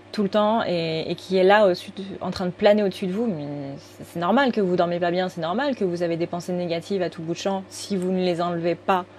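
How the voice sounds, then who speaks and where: A woman's voice: fairly low pitch, darkish tone, slight background noise. A woman giving a casual, rambling tarot reading, full of fillers and self-corrections. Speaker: tarot card reader.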